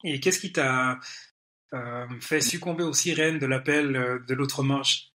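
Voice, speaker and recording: Joking, quick-talking podcast host man. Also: mid-range voice, steady tone, pushed and bright. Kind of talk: casual interview chat.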